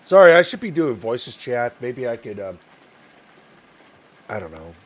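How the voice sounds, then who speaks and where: A man's voice: sing-song, measured pace. Tired, rambling young man streaming a game. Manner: tired, low-key and rambling, often trailing off. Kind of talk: casual game stream commentary, reading dialogue aloud.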